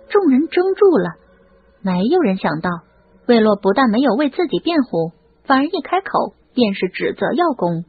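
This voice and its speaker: A woman narrating a novel audiobook in an expressive storytelling manner. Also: a little high, breathy edge. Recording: lo-fi phone-like audio. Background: faint music.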